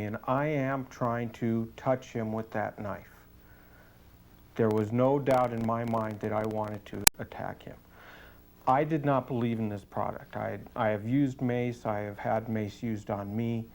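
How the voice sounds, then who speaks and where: A police sergeant with a medium-pitched, a little mellow voice gives testimony in a steady tone. He answers interview questions plainly and matter-of-factly, earnest and deliberate. The audio is poor.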